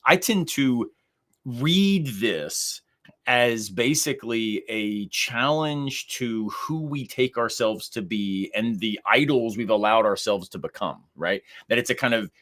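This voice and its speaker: A man's voice: mid-range voice, a bit bright. A man co-hosting a podcast, talking through ideas in a thoughtful, casual way and laughing easily. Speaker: podcast co-host. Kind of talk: casual conversational discussion.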